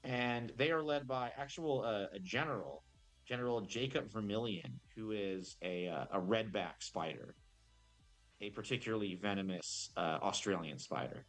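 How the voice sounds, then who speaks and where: A man's voice: lowish voice, normal speed, faint music behind. A man acting as game master, narrating a tabletop game in a rambling, improvised way, full of fillers and self-corrections.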